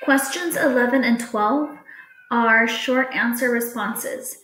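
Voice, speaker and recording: Like a teacher, a woman reads test questions aloud very slowly and deliberately, in an instructional manner. Her voice is fairly high and a bit bright, and the room gives a clear echo.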